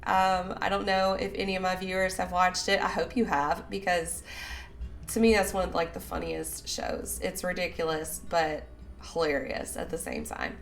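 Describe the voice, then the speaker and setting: A young Southern woman with a Southern American accent, sick and raspy-voiced, chatting loosely over a game build with lots of fillers. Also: on the low side, lively intonation, normal speed. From Southern United States. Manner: rambling, chatty, many fillers. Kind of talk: casual voice-over commentary.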